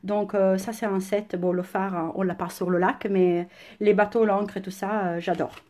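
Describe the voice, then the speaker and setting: Recorded on a phone camera indoors at home, this Italian-accented crafting demonstrator chats enthusiastically through a casual live-stream unboxing, pausing often on "euh". Her mid-range voice has a dark tone and little pitch movement.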